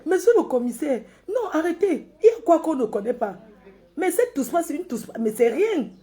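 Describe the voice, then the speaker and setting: A woman's voice: high-pitched, mellow. A woman with a Cameroonian French accent giving casual live commentary, mocking and scolding with frequent laughter. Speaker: social media commentator.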